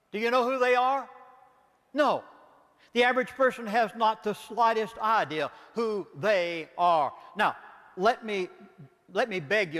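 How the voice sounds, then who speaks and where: High-voiced older Southern preacher, hall reverb. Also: male voice, fairly bright tone. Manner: emphatic, with rhetorical questions and earnest pleading. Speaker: pastor giving a lecture. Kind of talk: impassioned lecture.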